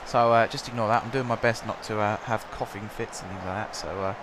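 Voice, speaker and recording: With a sore throat and a voice on the low side, the young man talks a little fast in a steady tone while commentating on a football management game. His chat is rambling and full of fillers, and background noise is present.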